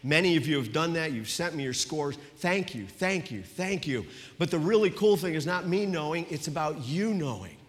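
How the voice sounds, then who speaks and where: Preacher with a high voice in a reverberant hall. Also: male voice, expressive, normal speed. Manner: storytelling preacher, drops to a hushed voice for personal moments. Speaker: pastor. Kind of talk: sermon.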